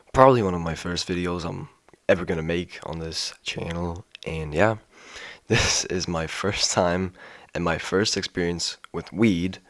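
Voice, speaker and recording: A sick young man telling a casual story in a flat monotone voice, full of ums and restarts. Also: low-pitched, no room sound, studio quality. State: sick, coughing. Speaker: vlogger.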